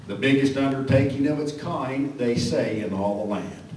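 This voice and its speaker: A cowboy poet with a Western American twang recites to a live audience, drawling folksily with dry humor. His voice is mid-range, darkish, and moderately paced. Recorded from far off in a large, echoey hall, with faint noise.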